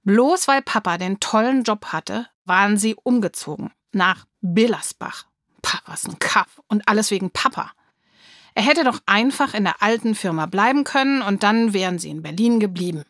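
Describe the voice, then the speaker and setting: A woman reading a children's book aloud with lively, expressive storytelling. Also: mid-range voice, normal speed, dry recording, studio quality. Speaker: narrator.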